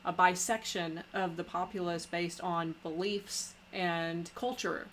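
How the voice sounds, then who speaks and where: A woman hosts a podcast in a casual, halting way, her voice sitting a little low. She pauses and restarts often while introducing topics. Faint room ambience sits behind her. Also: flat delivery, a bit bright, a little hiss or hum. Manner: halting, many fillers and restarts. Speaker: podcast host. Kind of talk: casual conversation.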